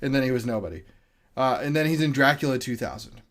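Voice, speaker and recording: A man's voice: mid-range voice, lively intonation, quick pace. A man co-hosting a movie podcast, rambling casually and swearing now and then. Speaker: podcast co-host.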